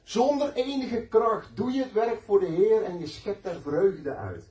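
A man's voice: high voice, lively intonation, unhurried, darkish tone. Man preaching in an echoey room. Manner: storytelling, conversational and emphatic. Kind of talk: sermon with personal testimony. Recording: echoey room, mic at a distance.

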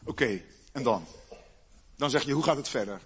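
Husky preacher telling a Bible story. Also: male voice, lively intonation, normal speed, a bit bright. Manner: storytelling, rising to emphatic high bursts. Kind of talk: sermon retelling a Bible story to a congregation with children.

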